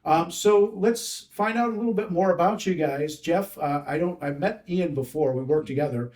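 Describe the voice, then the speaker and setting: Cheery male host, slightly high voice, casual interview patter. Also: moderate pace, a little mellow. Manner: upbeat, chatty, frequent fillers.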